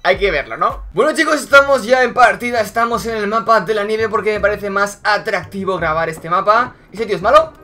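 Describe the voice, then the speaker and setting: Young man, excitable game commentator, fairly high bright voice with faint music behind. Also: brisk, few pauses. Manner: excitable, swearing, shouting at kills. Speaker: gaming YouTuber. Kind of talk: live gameplay commentary. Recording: music in background.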